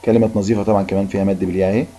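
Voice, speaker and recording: Egyptian guy teaching a kids' lesson, mellow husky voice, repeats everything slowly. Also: fairly low pitch, flat delivery. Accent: Egyptian Arabic. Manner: explains in colloquial speech, repeats each point slowly. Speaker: primary school Arabic teacher. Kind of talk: recorded classroom lesson. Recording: dull lo-fi recording.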